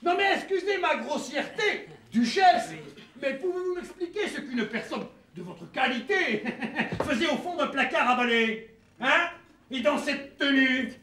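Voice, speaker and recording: An actor playing a blustering comic police inspector in a live stage farce, with boisterous exclamations. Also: male voice, very high-pitched, lively intonation, unhurried, bright, forceful tone, recorded from a distance, heavily acted. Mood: mocking. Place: theatre stage. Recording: roomy stage recording from afar, audience laughter.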